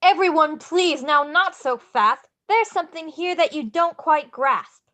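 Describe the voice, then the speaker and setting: A woman playing an excitable, theatrical showman in a musical script read, with declamatory, singsong phrasing. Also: high-pitched, unhurried, heavily acted. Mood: exasperated. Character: Jack, theatrical, excitable showman leader of Halloween Land.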